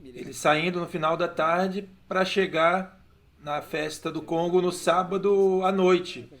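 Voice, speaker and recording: Man with a slightly high voice, relaxed commentary. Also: takes it slowly. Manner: relaxed, descriptive, hesitant restarts. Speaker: filmmaker. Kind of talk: film commentary track.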